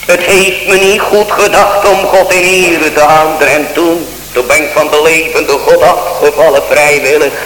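A man delivering a solemn, impassioned sermon to a church congregation, his high voice climbing with emphasis. He speaks slowly and deliberately. The recording is echoey with a long church reverb and a faint hum behind him. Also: fairly even intonation, fairly bright tone. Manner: solemn, impassioned preaching with sudden emphatic rises. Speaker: preacher.

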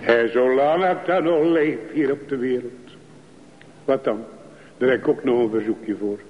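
Slow-preaching man in a dull echoey church. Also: mid-range voice, slight background noise. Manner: slow, pleading, rising to fervent calls. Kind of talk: sermon.

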